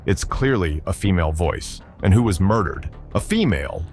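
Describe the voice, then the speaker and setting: A man with a low, heavy voice reads a scripted narration, pacing it to build suspense. Faint music plays behind him the whole way. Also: big pitch swings, normal speed, darkish tone. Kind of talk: scripted true-crime narration.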